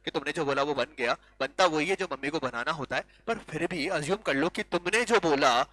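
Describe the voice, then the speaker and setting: A male law teacher giving an animated classroom lecture, full of rhetorical questions and switching into English. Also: on the high side, fairly quick, low-quality recording.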